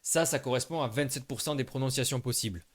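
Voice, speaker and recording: A man's voice: medium pitch, fast talker. A man giving a casual video lesson on pronunciation, speaking directly and informally to the viewer and demonstrating sounds aloud. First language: French. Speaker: Chinese language teacher.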